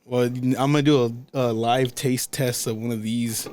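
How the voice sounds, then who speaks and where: A young man co-hosting a podcast in casual chat, rambling with halting restarts and lots of fillers. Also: medium pitch, fairly even intonation, darkish tone. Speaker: podcast co-host.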